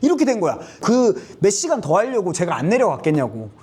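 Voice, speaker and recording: A man's voice: high-pitched, fairly quick, slightly rough. A man in his thirties candidly telling a personal story at a whiteboard, acting out the voices of his friends and himself. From South Korea. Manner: animated, acts out friends' and his own quoted lines. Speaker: YouTuber recounting exam years. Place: indoors in front of a whiteboard.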